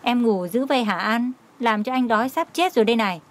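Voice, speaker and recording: A man's voice: very high voice, fast talker, fairly bright tone. A woman voicing a cheeky, whiny young coworker.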